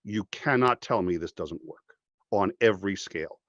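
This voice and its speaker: A man with a low voice argues his point with heat and plenty of swearing, now and then slipping into mocking voices. The audio is dry and a little dull, like a home podcast setup. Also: normal speed, no echo. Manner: animated, profane, jumps into mocking voices for quotes. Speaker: podcast guest. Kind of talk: passionate conversational argument.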